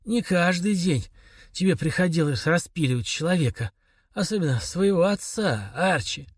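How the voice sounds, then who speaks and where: A man voicing a dying, broken father who speaks in a weak, raspy whisper. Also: fairly high pitch, lively intonation, normal speed, no room sound, clean studio sound, voice pushed up. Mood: weak, pleading.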